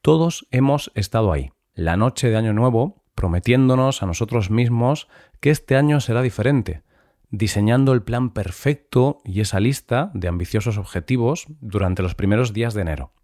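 A man with a Spain accent hosting a podcast for learners, his throat still recovering from flu so he sounds a bit rough and hungover. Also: medium pitch, lively intonation, normal speed, dark tone, dry recording, studio quality. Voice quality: slightly rough, worn throat. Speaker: podcast host for Spanish learners. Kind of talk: scripted podcast narration for language learners.

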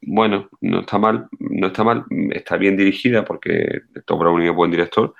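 In casual podcast talk, a male co-host shares blunt, opinionated views on a film, frequently restarting his sentences. His low voice has vocal fry and a moderate pace, and the audio is muffled.

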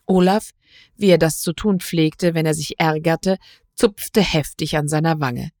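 A woman reading a literary story aloud in a measured, even storytelling way. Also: low voice, no echo, studio quality. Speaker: reader. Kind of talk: scripted narration of a literary story.

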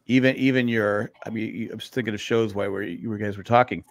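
Stammering podcast man with a low voice. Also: fairly even intonation, a little fast. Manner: rambling, stammering restarts. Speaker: podcast co-host. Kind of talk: casual chat.

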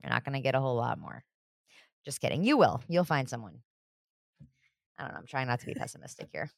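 A woman's voice: extremely low pitch, big pitch swings, fast, creaky, no echo, clean studio sound. A young woman co-hosting a casual chat, gushing and self-mocking about a TV scene. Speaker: podcast co-host. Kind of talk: casual chat recapping a TV show.

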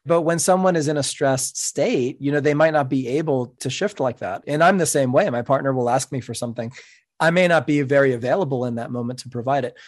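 A middle-aged New York City man whose first language is Spanish appears as a podcast guest, giving reflective interview answers. He speaks in an earnest, measured, explanatory way with a mid-range voice.

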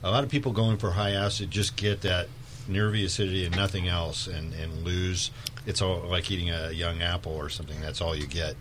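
A man's voice: low-pitched, fairly even intonation, brisk, a bit bright, a little hiss or hum. A man co-hosting a radio show, describing wine in an appreciative way.

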